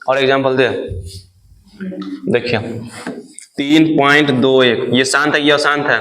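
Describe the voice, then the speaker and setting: A man's voice: mid-range voice, flat delivery, unhurried, background noise. Man quizzing his class. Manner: quizzing the class with repeated questions. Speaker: math teacher. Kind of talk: classroom lecture.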